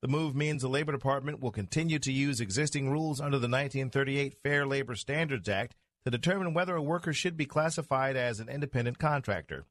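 A man's voice: medium pitch, quick pace, hardly any pauses, fairly bright tone. A man delivering a scripted news report as a radio correspondent.

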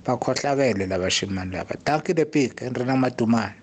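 A man's voice: medium pitch, expressive, fast. A man with a South African accent giving a casual, emphatic sports opinion as a radio caller, repeating words for stress. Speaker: radio call-in listener.

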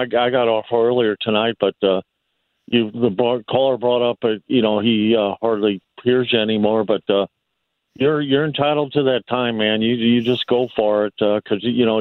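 A man calling into a late-night radio show, heard over a tinny phone line. He talks haltingly, full of fillers and restarts, in an average-pitched voice that sounds dry and close. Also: dry recording. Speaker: caller. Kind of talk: casual call-in chat.

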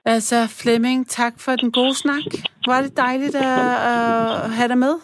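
A woman's voice: high-pitched, steady tone, noisy background. A woman hosting a late-night phone-in show, asking questions and giving short encouraging replies. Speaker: radio host.

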